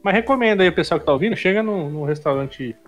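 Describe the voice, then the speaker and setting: A man's voice: sits high, animated, quick pace, faint music behind. A Brazilian man with a Brazilian Portuguese accent chats casually on a podcast, slangy and full of tag questions.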